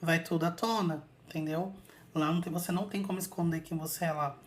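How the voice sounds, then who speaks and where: A woman's voice: fairly low pitch, steady tone, fast, a little hiss or hum. A woman hosting her own channel, chatting casually to viewers as she retells an experience with lots of fillers. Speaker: channel host telling an astral projection story.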